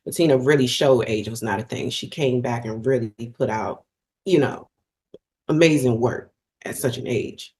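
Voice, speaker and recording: A middle-aged woman, a singer, talking as a guest in a casual interview, animated and effusive, often restarting her sentences. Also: rumbling low, moderate pace.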